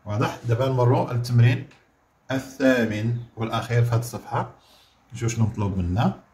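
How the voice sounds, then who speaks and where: A man with a Moroccan Arabic accent and a darkish, middle-pitched voice teaches grammar as if at the board. He quizzes the class and stretches each word out slowly so it can be written down, while an echoey room colors the recording.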